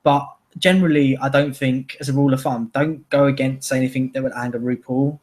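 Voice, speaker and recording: Young man, stream host, rapid chatty opinions, mid pitch. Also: steady tone, darkish tone. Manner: chatty, opinionated, full of fillers. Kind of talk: casual chat.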